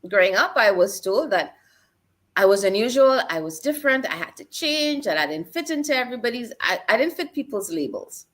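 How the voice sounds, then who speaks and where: Very animated and brisk, her voice pitches fairly high with a bit of brightness. A middle-aged woman from Trinidad and Tobago, she is the guest in a reflective interview, telling her life story earnestly and personally and repeating phrases along the way.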